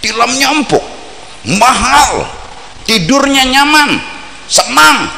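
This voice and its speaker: A man with a Banjar accent preaching a mosque sermon, swinging between playful shouts and low earnest asides, heard on an old worn tape recording. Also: sing-song, slow, vocal fry, long reverb tail, slight background noise.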